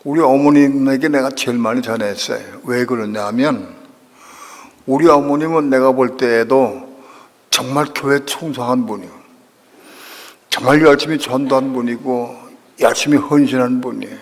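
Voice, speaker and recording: A man's voice: mid-range voice, normal speed. An older male pastor preaching a sermon, telling a personal story with strong emotion and acting out the people he quotes. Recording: long reverb of a church hall.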